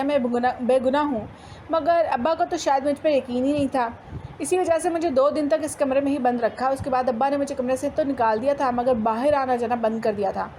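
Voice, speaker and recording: A woman narrating a first-person moral story in a steady storytelling voice, with some restarts and slips. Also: sits high, slight background noise, rough recording.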